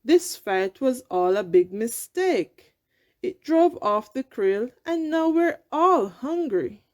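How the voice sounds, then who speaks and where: An earnest male fish voiced by a woman in a children's storybook. The voice rises high and pleads for peace, with slow, careful delivery. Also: animated, a little mellow. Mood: pleading.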